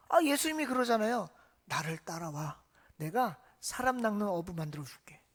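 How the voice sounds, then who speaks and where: A woman pastor preaching a sermon with lively, swooping pitch and a fairly high voice. She tells stories and keeps turning to the congregation with questions. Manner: animated storytelling that asks the congregation questions.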